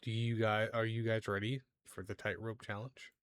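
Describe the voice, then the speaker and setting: A man's voice: lowish voice, level tone, moderate pace, no echo. A man narrating as the game master of a tabletop game, often laughing at his players.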